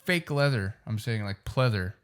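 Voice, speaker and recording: A man's voice: fairly low pitch, expressive, normal speed, clean tone. A young man co-hosting a podcast, talking in a loose, slangy way and swearing casually. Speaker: podcast co-host. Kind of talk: casual chat.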